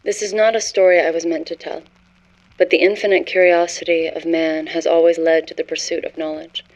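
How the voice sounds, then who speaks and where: A woman's voice: deep voice, level tone, fairly quick, lightly acted, low-quality recording. A woman narrating a scripted horror story as a haunted scholar, in a grave, literary first-person manner. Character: haunted scholar confessing forbidden cosmic horror discovery.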